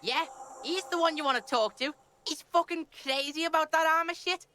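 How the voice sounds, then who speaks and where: A woman's voice: high voice, fairly quick, sharp tone, a little hiss or hum. A woman voicing a swearing, hostile twelve-year-old boy who speaks of himself in the third person, in a video game. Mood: belligerent.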